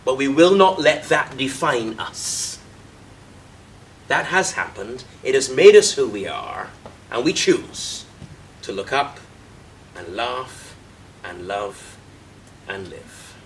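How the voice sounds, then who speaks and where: A vicar from Barbados, speaking with a Barbadian accent in a medium-pitched, slightly bright voice, gives a humorous talk as a guest speaker, using quoted voices. His audience is a club in its meeting room. The mic is distant, with faint background noise.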